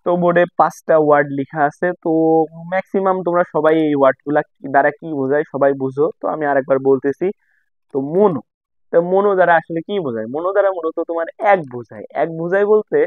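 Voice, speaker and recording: This is a young Bangladeshi tutor's casual lesson, in which he repeats and rewords each point for the students. His voice is a bit on the high side. The sound is dry and tinny, much like a phone.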